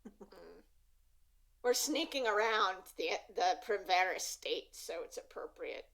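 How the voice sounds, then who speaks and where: A woman game master casually hosting and introducing a tabletop show in a halting, conversational way. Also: mid-range voice, lively intonation, a bit bright.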